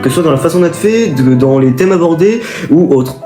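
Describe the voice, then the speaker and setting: A man's voice: on the high side, animated, a little fast. A man hosting an improvised video on film genres, rambling with fillers and self-corrections. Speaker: video host. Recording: echoey room with music behind.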